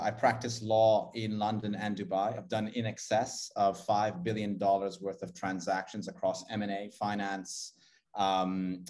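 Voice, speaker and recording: Man, from Mauritius, interview guest, businesslike, lowish voice, frequent fillers. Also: darkish tone. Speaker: guest, co-founder. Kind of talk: interview answers.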